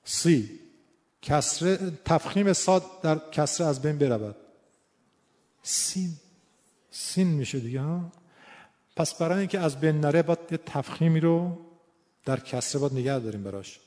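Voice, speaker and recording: A fairly high-voiced man teaching recitation, his words trailing off into a long reverb. He explains a point, then sounds out syllables again and again, stretching them slowly to show how they should be said. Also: lively intonation, dark tone. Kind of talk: tajwid lesson with demonstrated recitation.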